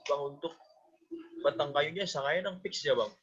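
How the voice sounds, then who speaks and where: A man's voice: a little high, moderate pace, a bit bright, husky. Man on a choppy, cutting-out call. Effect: choppy, cutting-out call audio. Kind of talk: casual meeting talk. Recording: muffled, distant online call.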